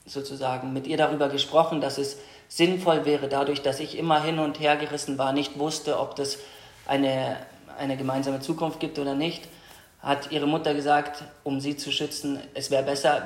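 A young man from Austria, a guest in an interview, tells his personal story in a hesitant, reflective way with many pauses and restarts. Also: mid-range voice, flat delivery. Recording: echoey room.

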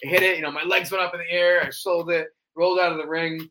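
A man, a podcast guest, telling wrestling stories in a casual, animated way, acting out quotes with sudden jumps in his voice. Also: a little high, quick pace, rough recording. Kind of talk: casual storytelling.

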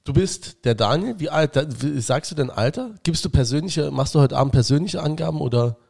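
A man's voice: a little high, expressive, a little fast, creaky, darkish tone. A man hosting a casual fan podcast over a virtual call, chatting loosely with many fillers and restarts. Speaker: podcast host. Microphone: remote call setup.

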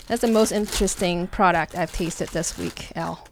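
A woman's voice: fairly low pitch, moderate pace, a little hiss or hum. A woman hosting a podcast in casual chat, talking with hesitant fillers. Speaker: podcast host.

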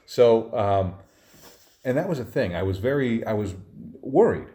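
A man's voice: on the low side, expressive, a little slow, warm tone. A man who is a sub-deacon, casually telling a personal story on a podcast with a self-deprecating touch. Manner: casual and self-deprecating, chuckles through stories.

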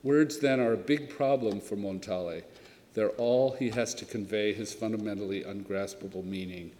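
A man giving a literary lecture on translating poetry, reading poems aloud in a measured way. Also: on the low side, warm tone, a little hiss or hum. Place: lecture hall. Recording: long hall reverb.

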